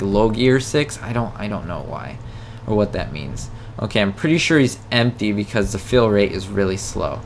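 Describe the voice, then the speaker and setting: A man with a fairly low voice provides casual let's-play commentary on a farming game, mocking himself and talking to his viewers as a gameplay commentator. There is slight background noise.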